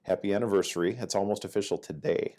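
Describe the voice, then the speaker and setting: A middle-aged man hosting an interview, friendly and asking measured questions. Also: on the low side, fairly even intonation, dark tone. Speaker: interview host. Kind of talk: conversational interview.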